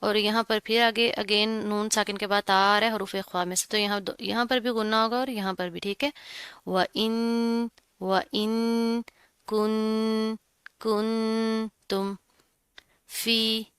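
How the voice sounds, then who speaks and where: Lady teaching tajweed, super crisp clear voice, dry sound, patient, stretches words out slow. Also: medium pitch, fairly even intonation, fairly bright tone, dry recording. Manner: slow drawn-out recitation between patient step-by-step explanations. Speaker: Quran recitation teacher. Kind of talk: tajweed lesson, explaining and reciting.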